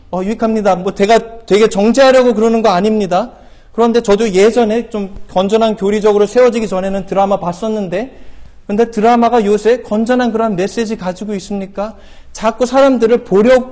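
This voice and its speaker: A middle-aged male missionary preaching from a church pulpit, his voice pitched notably high for a man. He exhorts his listeners earnestly, throwing in rhetorical questions and many hesitant fillers. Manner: shouts quoted scripture loudly and slowly. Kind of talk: sermon. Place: church sanctuary.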